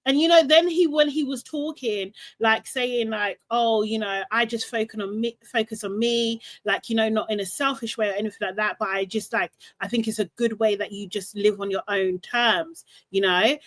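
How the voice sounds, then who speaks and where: A woman in a casual recap chat, animated and exasperated, breaking into laughs. Her voice sits fairly high and sounds dry and close, with no room around it. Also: normal speed, few pauses, no echo.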